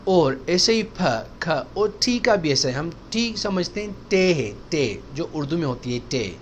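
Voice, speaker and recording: A man teaching English pronunciation in a recorded lesson, repeating sounds and phrases slowly to drill them. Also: a little high, very animated, a little hiss or hum. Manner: drills sounds with slow, drawn-out repetitions.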